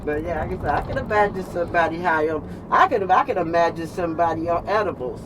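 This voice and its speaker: An older woman chatting casually and telling stories in an animated, emphatic way, repeating phrases for comic effect. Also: on the low side, fast. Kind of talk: casual storytelling chat. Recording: noisy with clear vehicle and street sound.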